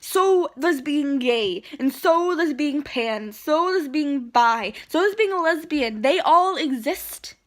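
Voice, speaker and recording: Heated and indignant, a woman vlogger argues into her phone from inside her home, rambling and starting over as she goes. She speaks slowly with few pauses, and her high voice is expressive.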